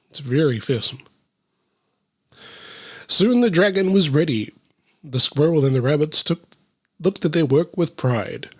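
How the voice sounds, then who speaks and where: A man reading a children's book aloud, breaking off for deadpan, sarcastic and sweary asides. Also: a little high, slightly rough, no room sound, clean studio sound.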